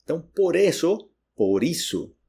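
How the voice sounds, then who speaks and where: A Brazilian man with a Brazilian Portuguese accent, teaching a casual language lesson and repeating words slowly to model pronunciation. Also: on the high side, very animated, gravelly, mellow, slightly rough. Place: home room by a street with car horns.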